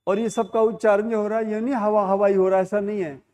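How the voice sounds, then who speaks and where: A man's voice: sits high, flat delivery, fast, mellow. Hindi teacher man lecturing a class. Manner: explanatory, repeats key terms as questions and answers.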